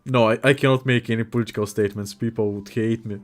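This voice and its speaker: Soft music plays in the background as this young livestream host from Bulgaria, whose first language is Bulgarian, talks fast in a lowish, fairly even voice. He's chatty and jokey, reading out the chat and responding to his viewers' messages.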